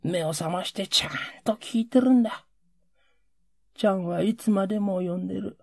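A man voicing a rough, emotional working-class Edo man who pleads in coarse old Edo street speech. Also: high-pitched, moderate pace, no echo, studio quality, pitched above the performer's own voice. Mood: wistful.

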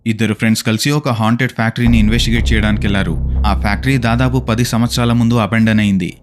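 Fast-talking man narrating ghost clips. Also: fairly low pitch, music in the background. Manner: brisk, steady storytelling, asks viewers questions. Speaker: narrator of a ghost video compilation. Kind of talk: scripted narration.

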